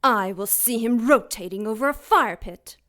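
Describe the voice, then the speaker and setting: A woman's voice: on the high side, normal speed, fairly bright tone, close to an everyday voice. An actress playing Lilith, an ancient female demon who is grandiose, menacing and contemptuous, in an audio drama.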